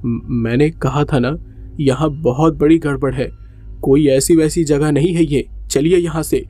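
A man's voice: fairly high pitch, fairly even intonation, a little slow, warm tone, soft background music. A man voicing an anxious male traveler who urges and stammers nervously. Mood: urgent nervous.

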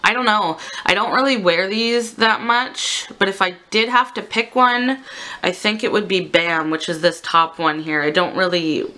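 Congested, croaky woman vlogger, bright-edged voice. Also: medium pitch, moderate pace. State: sick, congested swamp-monster croak. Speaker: beauty vlogger. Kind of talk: casual chatty product declutter. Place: indoors at a makeup desk.

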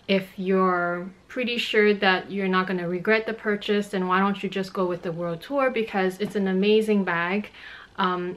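This chatty Montreal woman in her thirties, a Cantonese native speaker, hosts a fashion Q&A vlog from her bedroom, gesturing while she explains and laughing often. Her voice has a medium pitch and a fairly bright tone.

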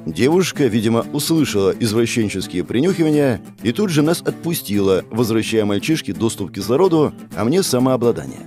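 A man narrating a first-person fantasy audiobook in an expressive, vivid way. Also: mid-range voice, fairly quick, hardly any pauses, faint music behind.

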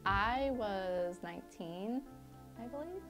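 A woman's voice: mid-range voice, expressive, takes it slowly, a bit bright. A young woman from Liberia answering interview questions, chatty and laughing often, with frequent fillers. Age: young adult. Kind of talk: casual interview. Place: indoor studio set with curtains. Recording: studio interview with music underneath. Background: background music.

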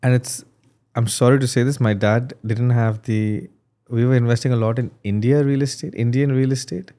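Male podcast host, 30s, from Dubai, animated and conversational; warm mellow tone on a desk mic. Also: mid-range voice, normal speed. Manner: animated, talks with his hands. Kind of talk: conversational interview. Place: studio set with desk. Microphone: desk boom mic.

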